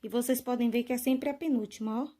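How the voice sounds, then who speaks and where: A woman teacher, giving a lesson to children, drawing out example words slowly and often checking that they follow. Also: fairly high pitch, steady tone, mellow. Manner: slow drawn-out stress on example words, frequent "né?" and "tá bom?" checks.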